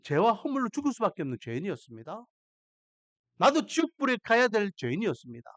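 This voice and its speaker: A man's voice: sits high, huge pitch swings, quick pace, fairly bright tone, dry recording. A man pastor preaching a sermon expressively, full of rhetorical questions to the congregation.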